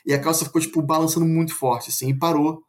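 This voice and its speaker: Man, podcast guest, casual ghost storytelling, slightly high voice, animated, acts out voices, lots of fillers. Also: fast. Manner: frequent fillers like 'tipo' and 'assim'.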